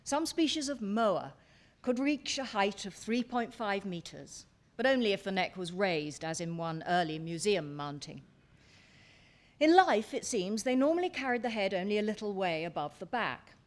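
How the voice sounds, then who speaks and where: A woman reading passages from a book aloud in steady, clear narration. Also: medium pitch, moderate pace. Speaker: co-reader of the book's passages. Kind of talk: scripted narration.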